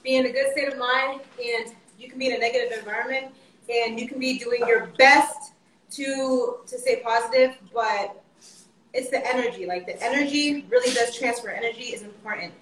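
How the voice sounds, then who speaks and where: A woman's voice: on the high side, fairly even intonation, normal speed, fairly bright tone. A young woman guest in a casual chat, talking earnestly and with emphasis, a little breathless. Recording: roomy sound, faint background noise.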